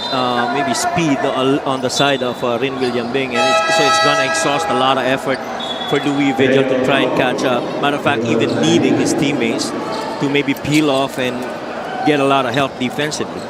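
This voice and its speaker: A man with a Filipino accent giving conversational, halting color commentary on a live basketball game, mixing English and Tagalog. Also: mid-range voice. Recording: loud arena noise, bouncing balls behind. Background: basketball game ambience.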